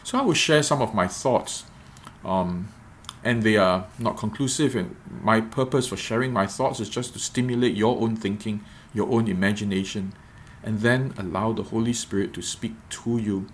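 A man giving a reflective devotional podcast talk as a preacher, measured and repeating phrases for emphasis. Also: lowish voice, slight background noise.

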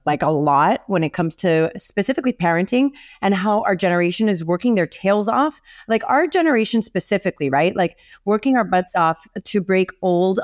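A woman's voice: lowish voice, no echo, studio quality. A woman in her thirties hosting a podcast interview, chatty and upbeat with lots of "like" and "you know". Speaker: podcast host.

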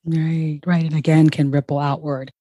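Flat-toned woman host, dry close sound. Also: deep voice, moderate pace, no room sound. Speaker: podcast host. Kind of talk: podcast interview.

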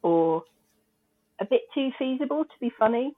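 A woman co-hosting a casual podcast chat, chatty and quick to laugh. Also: fairly high pitch, lively intonation. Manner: chatty, laughs easily, many fillers. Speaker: podcast co-host. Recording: tinny phone-like line.

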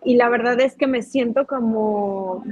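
Earnest Mexican woman, slightly high voice. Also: measured pace, darkish tone, breathy edge, lo-fi sound. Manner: earnest, repeats words while thinking. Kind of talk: casual conversation.

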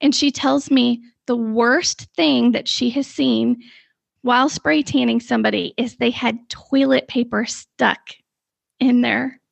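A woman's voice: a little high, fairly even intonation, unhurried, gravelly, dry recording. A woman co-hosting a casual chat show, a rambling storyteller who goes off on tangents, recorded with a dull, slightly lo-fi sound. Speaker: podcast co-host.

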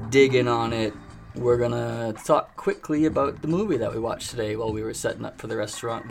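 A man hosting a music show in a laid-back, chatty way, laughing often as he talks about records. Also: medium pitch. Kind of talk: casual chat. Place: treehouse restaurant and bar. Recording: music clearly behind the voice.

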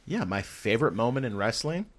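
Sardonic man with lively intonation. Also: medium pitch, brisk. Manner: sardonic, needling. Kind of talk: casual group banter, crude teasing.

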